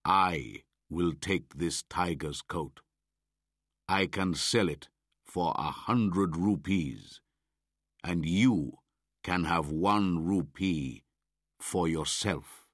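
Brief: bullying old village hunter read by a male narrator, husky, deep, blustering. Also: extremely slow, no room sound, clean studio sound, full character voice. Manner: loud, blustering. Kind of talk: audiobook character voice.

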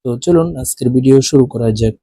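A man, teaching Quran reading by spelling out syllables and chanting the words in long drawn-out tones. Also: medium pitch, warm tone, no echo. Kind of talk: Noorani Qaida spelling lesson.

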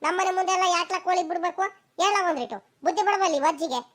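A woman voicing a quarrelsome old village grandmother in a cartoon, who scolds in a rapid village dialect and calls people over loudly. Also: very high voice. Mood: complaining.

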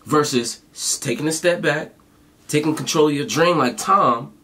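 A man giving casual reaction commentary on a song, excited and stumbling over his words. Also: a little high, moderate pace. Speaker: music reaction video host.

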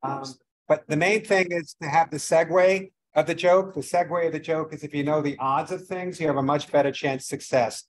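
A man's voice: fairly high pitch, steady tone, a little fast, rough recording. A man hosting a financial seminar in front of a live audience, talking casually, rambling a little, with lots of fillers. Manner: rambling, self-deprecating, many fillers. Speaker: seminar host, financial advisor. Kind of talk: casual opening remarks at a seminar. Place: event venue with a live audience.

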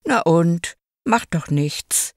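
A woman voicing an eager, bossy tall puppet in a read-aloud fairy tale, in a lively, raised voice. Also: on the low side, drawn-out words, dry recording, clean studio sound, full character voice. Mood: restless, eager. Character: cheeky restless tall male puppet.

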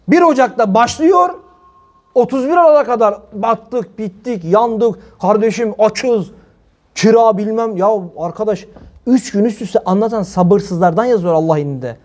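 A man with a notably high voice gives a sermon from the pulpit. He mixes religious teaching with jokes, playing out little family arguments for his listeners. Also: darkish tone. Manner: humorous storytelling preacher, acts out quarrels. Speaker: preacher. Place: speaking from a pulpit to a gathering.

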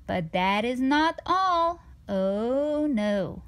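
A woman's voice: high-pitched, lively intonation, drawn-out words, full character voice. A woman voicing a boastful, playful giant cat in a storybook, with an eager, showy, sing-song delivery. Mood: excited boasting.

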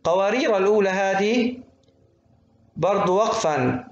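A man with a slightly high voice gives a recitation lesson in an echoey room. He explains each rule point by point, then slows into long, drawn-out chanted verses. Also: lively intonation, highs cut off. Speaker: Quran recitation teacher.

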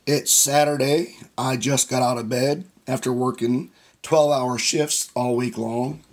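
A man runs his own scratch-off ticket channel, narrating casually in a slow, plain manner and reading each number out in turn. Losing his voice has left him hoarse and raspy, with a medium pitch and fairly even intonation.

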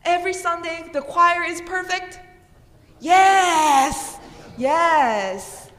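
Speaking into a pulpit microphone, this pastor delivers an earnest sermon full of emphatic questions, her Korean accent clear. She is a woman in her thirties with a very high-pitched, fairly bright voice who draws out her words. The church is roomy, and the reverb lingers long.

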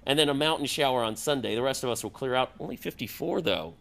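A man's voice: medium pitch, lively intonation, fast talker, creaky, a bit bright. A man presenting a live TV weather forecast in a chatty way, with the odd pun.

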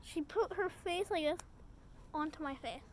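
A woman's voice: sits high, moderate pace, slight background noise. A young woman vlogging casually with her dog, chatty and rambling, gushing in baby talk. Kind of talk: casual vlog chat.

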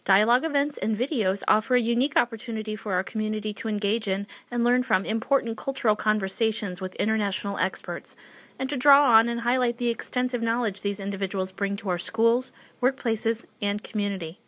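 A woman's voice: fairly high pitch, brisk, a bit bright. Woman reading a scripted promo announcement.

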